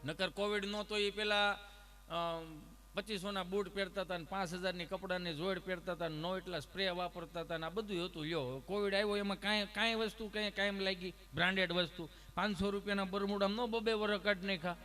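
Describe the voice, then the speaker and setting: A man telling comic folk stories to a live audience, full of lively anecdotes, acted dialogue and rhetorical asides. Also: high-pitched, brisk. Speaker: comic storyteller. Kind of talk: Gujarati folk humor storytelling to a live audience. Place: stage at an ashram program.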